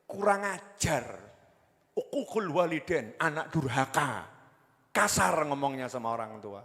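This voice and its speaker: A man with a Javanese accent preaching a sermon, swinging between loud exhortation and low joking asides. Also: animated, unhurried, big-room sound.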